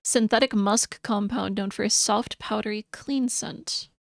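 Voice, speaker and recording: A woman's voice: medium pitch, steady tone, unhurried, vocal fry, dry recording, studio quality. A woman live streamer chatting casually and thinking aloud as she reads through notes, sometimes mumbling. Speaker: VTuber streamer.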